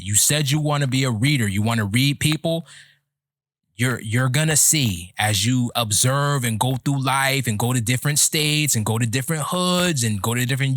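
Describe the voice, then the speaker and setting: A man's voice: medium pitch, fairly bright tone, no room sound, studio quality. Opinionated man in his thirties, lecturing. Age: 30s. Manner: opinionated, lecturing, slow deliberate delivery. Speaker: podcast host. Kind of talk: casual podcast chat.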